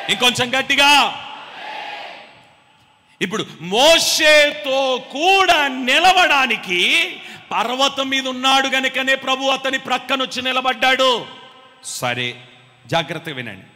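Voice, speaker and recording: A man's voice: high voice, bright, forceful tone. A man preaching a sermon in a church hall, emphatic and calling the congregation to respond aloud. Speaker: pastor. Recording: long hall reverb.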